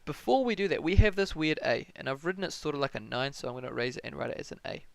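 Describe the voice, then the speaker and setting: A young man with a New Zealand accent talks through a maths exam paper on a live stream, relaxed and chatty as he works each step out aloud. His voice has a gravelly edge, yet it comes through smooth and clear. The sound is dry, with no room echo. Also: fairly high pitch, fast talker. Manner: casual, thinks aloud, answers chat questions. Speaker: maths tutor.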